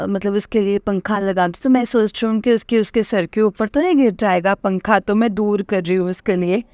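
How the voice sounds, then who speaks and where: A woman's voice: medium pitch, dark tone, no echo, studio quality. A woman, telling a long personal dream story in a rambling, hesitant way, full of fillers and restarts. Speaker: devotee sharing a dream experience. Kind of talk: casual spoken testimony.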